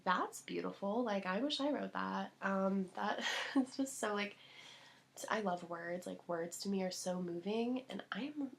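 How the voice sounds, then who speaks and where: A young woman talking casually to camera about books and the holidays, gushing and chatty, full of fillers and quick little laughs. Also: medium pitch, creaky. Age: young adult. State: out of breath. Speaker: vlogger. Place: at home, indoors.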